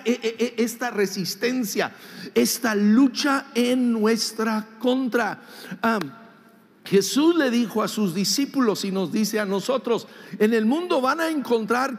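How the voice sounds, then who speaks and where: A man preaching a sermon as pastor, animated and emphatic, sometimes mimicking whiny voices and shouting for emphasis. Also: extremely high pitch. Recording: long hall reverb.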